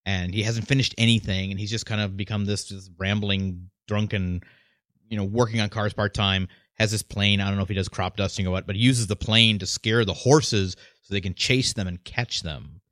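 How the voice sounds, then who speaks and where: A man's voice: fairly low pitch, steady tone, moderate pace, a bit bright, no room sound, clean studio sound. A man co-hosting a radio film review, rambling and thoughtful. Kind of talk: casual radio chat. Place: radio studio.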